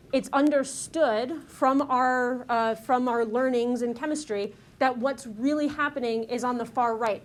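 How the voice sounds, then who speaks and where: A woman teaching a chemistry class, explaining step by step and checking in with "okay?" and "right?" after nearly every point. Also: a little high. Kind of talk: classroom lecture.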